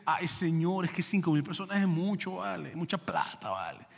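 A preacher putting on a fretting apostle with a Venezuelan lilt. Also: male voice, sits high, very animated, normal speed, vocal fry, slightly rough, in a large hall, voice pushed down, full character voice. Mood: worried. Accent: Venezuelan, put on.

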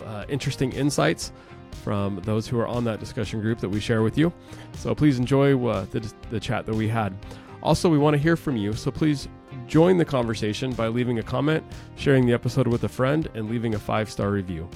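A man in his forties hosting a podcast, chatting casually with a guest and often pausing with "uh" and restarting sentences. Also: medium pitch, creaky, a little mellow, faint music behind. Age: 40s. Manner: friendly, frequent "uh" hesitations and restarts. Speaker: podcast host. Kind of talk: casual interview chat.

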